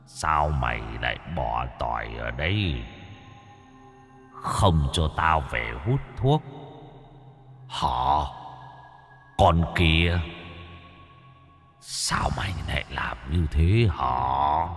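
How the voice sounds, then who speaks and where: A man's voice: animated, very slow, pauses often, fairly bright tone, big-room sound, soft background music, full character voice. A gaunt whispering male ghost. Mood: menacing. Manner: low menacing whisper. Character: gaunt angry male ghost, starved and bitter.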